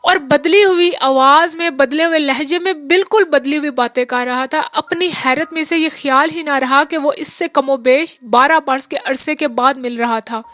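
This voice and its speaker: High-voiced woman reading a novel. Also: a bit bright, no echo, soft background music. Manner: measured literary narration. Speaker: audiobook narrator.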